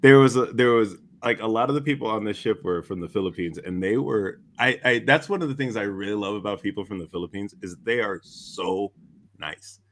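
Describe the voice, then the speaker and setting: A man's voice: on the low side, fairly quick, fairly bright tone. A man co-hosting a casual chat, telling stories and laughing often as he talks. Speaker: co-host.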